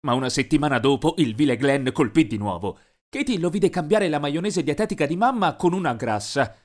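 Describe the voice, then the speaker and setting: Lively male narrator of an animated story. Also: a little high, fairly quick.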